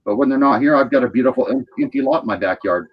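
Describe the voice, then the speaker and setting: A man's voice: mid-range voice, rapid-fire, breathy edge. A man from the United States chatting casually on a livestream with a wry, joking manner. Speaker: livestream participant. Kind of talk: casual live chat. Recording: slightly dull, lo-fi sound.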